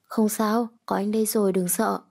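Woman doing a protective, bossy young man in a storybook reading. Curt delivery, mellow and dark. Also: mid-range voice, level tone, normal speed, gravelly. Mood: soothing.

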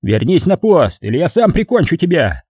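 A man voicing a boastful German sergeant who barks orders, raised high above his own voice. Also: sing-song, fairly quick, dark tone, dry recording, studio quality. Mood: commanding. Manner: blustering, barking orders.

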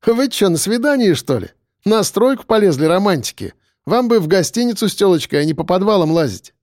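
A man's voice: high-pitched, big pitch swings, brisk, a little mellow, no room sound, studio quality, pitched above the performer's own voice. A man reading an audiobook voices a brash fourteen-year-old boy who brags and talks back. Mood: mouthy.

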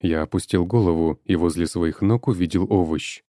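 A man narrating a first-person audiobook with a wry, sardonic edge. His voice sits low with a dark, mellow tone. The recording is dry and close. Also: normal speed, no echo.

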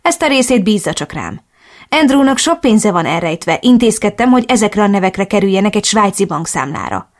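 A woman voicing a brisk, reassuring adult man in an audiobook, blunt and ready to curse. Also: medium pitch, big pitch swings, natural voice. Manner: blunt, swears when angry. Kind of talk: audiobook dialogue reading.

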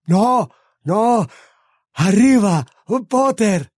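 A desperate, whimpering father voiced by a man in an audiobook. The voice is raised high, breathy and soft-toned, begging without pause. It sounds dry and close. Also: lively intonation, dry recording, heavily acted. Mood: pleading. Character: frightened pleading older man, desperate father. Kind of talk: audiobook narration.

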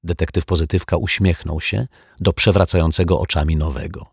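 A man narrates a children's detective story with a low, husky voice. The recording is dry and close, with no room sound. He reads at an even, storytelling pace. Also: fairly quick, dry recording. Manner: voices the characters with raised pitch and louder delivery. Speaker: audiobook narrator. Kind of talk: children's audiobook reading.

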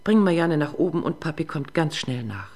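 A woman reading the lines of a tired husband and father, speaking calmly and with measured firmness. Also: deep voice. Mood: weary. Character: weary, patient husband and father, restrained.

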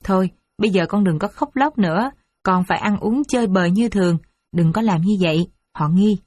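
A woman voicing a worried, gentle mother who coaxes her daughter softly. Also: medium pitch, a little fast, dry recording, studio quality, natural voice. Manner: soft, coaxing and anxious.

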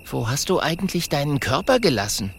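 Little boy dragon that a man acts out, high lively voice, eager, friendly, stammers, storybook. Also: fairly quick, vocal fry, slightly rough, full character voice. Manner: stammering when scared. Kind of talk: storybook reading.

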